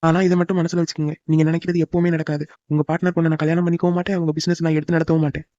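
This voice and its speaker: A man's voice: fairly high pitch, level tone, rapid-fire, mellow, no room sound, highs cut off, natural voice. A man voicing a stubborn young son who argues with his father in a cartoon, in a heated way. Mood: defiant.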